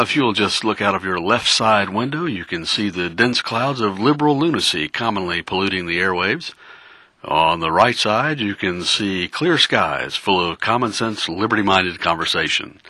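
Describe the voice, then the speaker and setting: A man's voice: low voice, bright, forceful tone, no echo, heavily acted. A man voicing an airline captain making an in-flight announcement to passengers in a scripted promo. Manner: polished in-flight announcement delivery. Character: smooth adult male airline captain addressing passengers.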